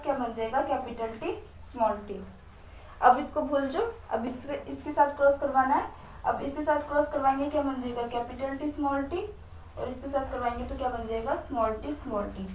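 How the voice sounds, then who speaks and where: At a board, a woman with a high voice teaches a science lesson, posing questions to herself and answering them step by step while speaking directly to her students. The room is reverberant and the mic picks her up from a distance, with a faint hiss beneath.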